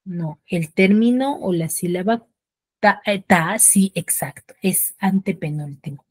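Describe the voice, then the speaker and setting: A woman teaching an online class in a dry, close sound with no room echo. She often stops to check that the students follow. She slows down and spells out each rule. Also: lowish voice. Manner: checks understanding with frequent "ya?" and "sí?"; slows down to stress key rules.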